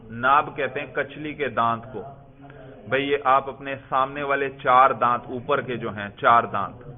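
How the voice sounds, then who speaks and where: A male teacher giving a classroom grammar lesson, explaining patiently, repeating key words and quizzing his students. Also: mid-range voice. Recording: tinny phone-like audio.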